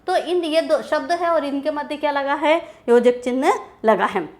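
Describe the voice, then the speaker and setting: A woman's voice: sits high, normal speed. A woman teacher giving a grammar lecture, repeating key terms and answering her own questions.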